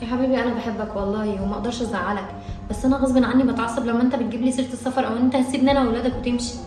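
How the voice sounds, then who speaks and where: Casting: woman as hot-tempered Egyptian mom, high, rapid, sharp, music underneath. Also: steady tone, echoey room, close to an everyday voice. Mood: apologetic. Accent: Egyptian Arabic. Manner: sharp, quick retorts. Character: hot-tempered wife and mother, sharp-tongued. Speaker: actor. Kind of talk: scripted web family drama. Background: background music.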